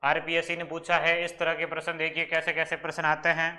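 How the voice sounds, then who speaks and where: In a fairly high, bright, pushed voice delivered completely flat and fairly quickly, a male maths teacher from Rajasthan, India, explains exam questions step by step. It's an exam-prep lesson in which he asks questions and answers them on his own.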